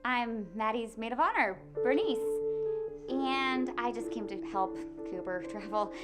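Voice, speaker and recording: A woman acting as a chatty maid of honor in a comedy film, bubbly and quick. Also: fairly high pitch, animated, poor audio. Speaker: actress playing the maid of honor. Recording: film soundtrack with loud music underneath.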